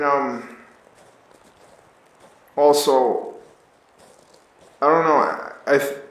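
In an audio drama, an actor voices a sardonic, anxious, foul-mouthed young male survivor narrating in first person, often halting and stammering, in an awkward, wry mood. His mid-range voice is a bit bright. The recording is reverberant and low quality.

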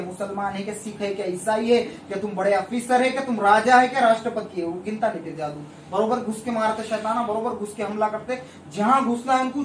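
A man's voice: high-pitched, slight background noise. A man, a faith healer, preaching a sermon in a scolding, admonishing manner. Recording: echoey room, voice far from the mic.

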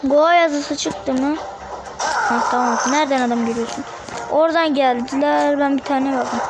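Excitable high-voiced woman gaming. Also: normal speed, heavy background noise. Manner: excitable, trash-talks enemies. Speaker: mobile gamer. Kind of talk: casual gameplay commentary. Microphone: phone screen recording.

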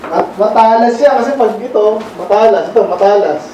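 A man's voice: high voice, brisk, noisy background. A man from the Philippines giving a conversational sermon as preacher, often stopping to quiz the congregation with questions. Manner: quizzes the congregation with frequent questions. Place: church hall. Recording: very echoey hall, mic far off.

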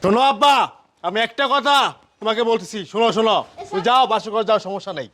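Man as an indignant jilted son, Bangladeshi accent, high voice, fast wailing complaints. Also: fairly bright tone. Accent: Bangladeshi colloquial Bengali. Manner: wailing, accusing and pleading.

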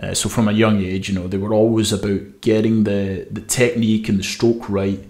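A young man from Scotland's west coast, with a Scottish accent, tells his story as a guest swimmer on a podcast, often restarting his sentences. His lowish, slightly mellow voice is flat and at normal speed, picked up by a desk mic on a stand in a small, echoey room set up for podcasting.

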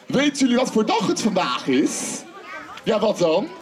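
A man with a very high, bouncy voice works a crowd of children as a festival clown. He shouts out questions and jokes with them. It is recorded in the open air with the kids' noise behind him. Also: huge pitch swings, moderate pace. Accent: Dutch. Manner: playful, shouting to the crowd, teasing. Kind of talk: lively clown patter for children. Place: outdoor festival stage.

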